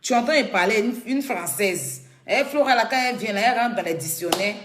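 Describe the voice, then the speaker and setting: A woman's voice: mid-range voice, expressive, brisk, background noise. A woman, giving casual, teasing commentary to camera and laughing often. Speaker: blogger commenting on a feud. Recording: echoey room.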